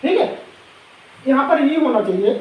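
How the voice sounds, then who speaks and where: Lively quizzing male teacher, echoey classroom. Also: very high voice, unhurried, muffled recording, a little hiss or hum. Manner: keeps quizzing the class with repeated questions. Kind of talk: classroom phonics lesson for children.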